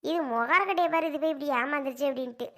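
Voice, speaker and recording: A woman's voice: high-pitched, very fast, pushed and bright. A woman playing a mocking, gossiping sister-in-law who taunts the family in a homemade family drama skit. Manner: taunting, sneering, laughs at others.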